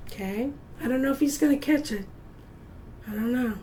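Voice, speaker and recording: A woman's voice: high voice, moderate pace, mellow, slight background noise, low-quality recording. A middle-aged woman giving a patient, encouraging step-by-step drawing lesson to children, counting aloud and sometimes dropping to a whisper. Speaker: art teacher.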